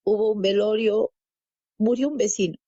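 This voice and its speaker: A woman's voice: medium pitch, fairly even intonation, moderate pace, warm tone, no room sound. Peruvian woman sharing her faith story, acts out the voices, dry dull-sounding recording. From Peru. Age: adult parent. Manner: storytelling, acts out quoted dialogue, repeats phrases. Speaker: guest giving testimony. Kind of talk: personal faith testimony.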